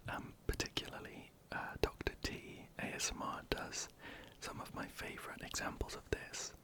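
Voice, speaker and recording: An ASMR creator, whispering softly and hesitantly while answering viewer questions into a close microphone. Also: moderate pace. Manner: soft, hesitant, many ums and restarts.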